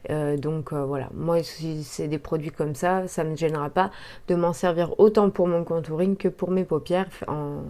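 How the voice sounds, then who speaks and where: A woman talks her viewers through an unboxing in a casual, chatty way. She often hesitates and fills pauses as she goes, in an easy vlog tone. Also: on the low side. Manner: chatty, hesitant, many fillers. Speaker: beauty vlogger.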